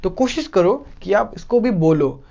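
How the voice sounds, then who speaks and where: A man with an Indian English accent, a teacher, gives a casual video lesson in pronunciation and says each word slowly and clearly more than once. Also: high voice, animated, warm tone, dull audio. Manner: repeats words slowly and clearly for learners.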